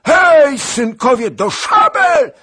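A man reading an audiobook voices a fierce old noblewoman who shouts in a shrill voice. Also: big pitch swings, normal speed, slightly rough. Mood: shrill shouting.

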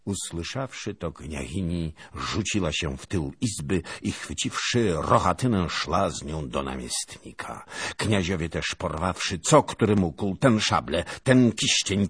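Deep husky male storyteller. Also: lively intonation, dry recording, studio quality. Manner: dramatic, measured storytelling. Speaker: narrator. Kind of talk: audiobook reading of a historical novel.

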